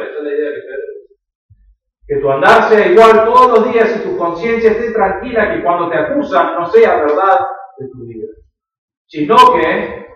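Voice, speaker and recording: A man with a Rioplatense accent, preaching a sermon as a pastor in an earnest, explanatory way with emphatic rises. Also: on the high side. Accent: Rioplatense Spanish. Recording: echoey hall, distant, dull sound.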